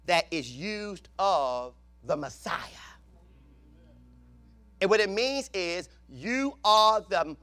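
Pastor, male, 50s; very high, bright gravelly voice, lively sermon delivery that drops from shouts to near whispers. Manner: swings between shouted preaching and hushed asides.

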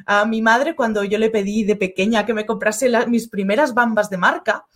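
A woman's voice: fairly high pitch, fairly even intonation, moderate pace. A woman with a Spain Spanish accent, hosting a casual live stream and reading out viewers' comments. She is chatty and acts out little everyday dialogues. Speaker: online course creator and live-stream host.

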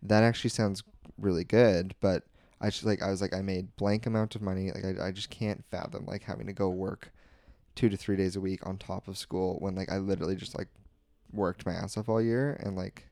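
A man's voice: sits low, steady tone, a little fast, creaky, mellow, no echo. A young man co-hosting a podcast, telling stories in a loose, filler-heavy way and acting out the lines he quotes. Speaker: podcast co-host. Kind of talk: casual storytelling chat.

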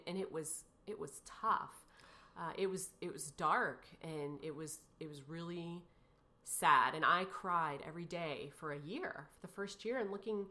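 A woman in her thirties tells a painful personal story as an interview guest. Her voice sits a little low but sounds bright and forward. She rambles, circles back and fills gaps with "you know" and "like.". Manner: emotional, rambling, many fillers and restarts.

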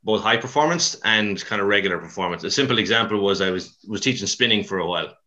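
Deep-voiced man with west of Ireland accent. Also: fast, bright, forceful tone, lo-fi sound. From Mayo and Dublin, Ireland. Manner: rambling, colloquial, self-deprecating. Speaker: CrossFit coach, podcast guest. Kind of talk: casual interview chat.

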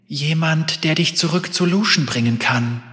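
A man voicing a gentle female spirit who speaks softly, melodic and sad. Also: a little high, moderate pace, in a large hall, voice pushed up, lightly acted. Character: gentle sorrowful female spirit, soft and fragile.

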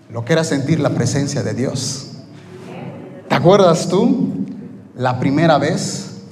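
High-voiced man preaching in a hall. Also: darkish tone. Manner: storytelling, laughs often, repeats words. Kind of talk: sermon with personal testimony.

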